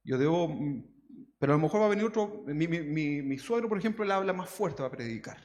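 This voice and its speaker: A Chilean male pastor with a slightly high, expressive, somewhat mellow voice preaches a conversational sermon at a quick pace. He keeps tacking tag questions onto his remarks to the congregation, and long church-hall reverb surrounds him.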